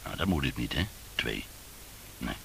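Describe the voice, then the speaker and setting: A man's voice: extremely low pitch, big pitch swings, moderate pace, creaky, sharp tone, a little hiss or hum, voice pushed down, full character voice, rough recording. A man voicing a rambling, thirsty man of about fifty who mumbles as he talks, in a read-aloud story. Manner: mumbling, wandering talk.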